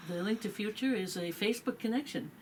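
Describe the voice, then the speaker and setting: A woman's voice: medium pitch, fast, a little hiss or hum, poor audio. A middle-aged woman from Massachusetts, a musician telling her story as a radio guest in a loose, filler-heavy way. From Massachusetts, USA. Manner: relaxed storytelling with many fillers. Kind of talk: radio interview.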